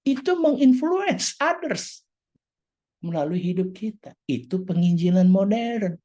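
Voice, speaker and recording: A woman's voice: mid-range voice, lively intonation, unhurried, warm tone. A woman teaching a church leadership class, acting out quoted dialogue with animation and dropping English words into her talk.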